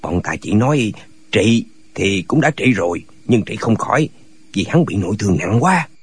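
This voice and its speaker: A gang of foolish male martial hermits squabbles endlessly in a radio drama, as a man acts them out. Their voice is husky and rides up and down with lively swings. They argue in circles, each line picking at the last. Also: lowish voice, normal speed, no room sound, exaggerated voice. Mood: bickering. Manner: bickering, argumentative back-and-forth.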